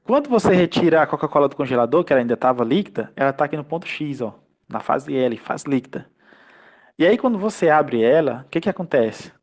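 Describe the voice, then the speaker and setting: A Brazilian man teaching a chemistry class online, explaining step by step with rhetorical questions and quick checks for understanding. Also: a little high, animated. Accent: Brazilian Portuguese. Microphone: computer mic on a video call.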